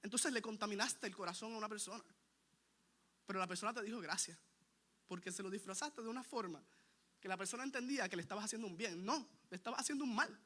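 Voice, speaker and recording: Speaking fast, a man with a high, bright, forceful voice delivers a sermon. He hammers points home through repetition, earnest and emphatic, and puts direct questions to those listening.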